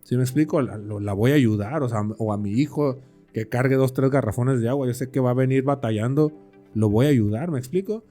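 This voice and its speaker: Faint music plays behind a man speaking briskly in a warm, medium-pitched voice. Co-hosting a podcast, he discusses a Bible passage in a slangy, chatty manner, using rhetorical questions and ordinary examples.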